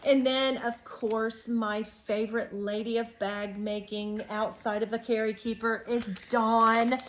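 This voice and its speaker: A woman with an Ohio accent co-hosts a casual stitching video show, chatting enthusiastically about her purchases and laughing often. Her voice is a little high and level in tone, unhurried, with slight background noise.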